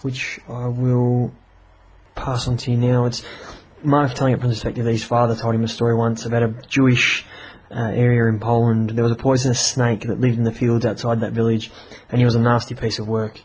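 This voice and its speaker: A man casually reviewing a comic on his podcast, chatty and halting with many fillers. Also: medium pitch, flat delivery, darkish tone, slight background noise, poor audio. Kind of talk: casual review and story reading.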